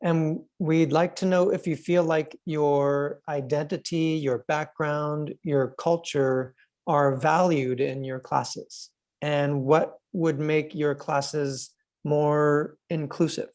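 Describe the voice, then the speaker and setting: A man co-moderating an online panel, asking a student a question in a plain, measured way. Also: fairly high pitch, fairly even intonation, a little mellow.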